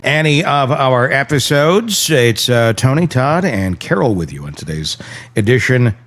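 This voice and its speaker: Lively, rambling male co-host. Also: medium pitch, measured pace. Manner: rambling, self-interrupting, laughs often. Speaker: podcast co-host. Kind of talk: casual chat.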